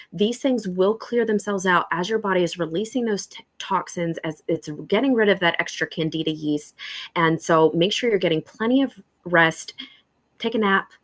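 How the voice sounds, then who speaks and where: A woman hosting a welcome call for new members, chatty and encouraging. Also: medium pitch. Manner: encouraging, chatty, acts out little dialogues.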